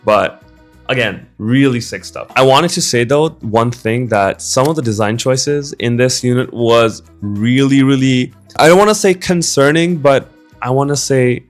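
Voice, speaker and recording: A man's voice: medium pitch, measured pace. A young man from Bangladesh, chatting casually in a voice-over about apartments he toured. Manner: relaxed and chatty, casual slang. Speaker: vlogger touring apartments. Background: faint music.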